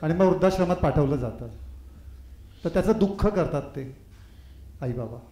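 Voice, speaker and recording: A man's voice: a little high, animated, moderate pace, dark tone. A man hosting the event who asks the speaker questions. He is hesitant and rephrases his questions as he goes. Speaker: host asking questions. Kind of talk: formal questioning. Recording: echoey hall.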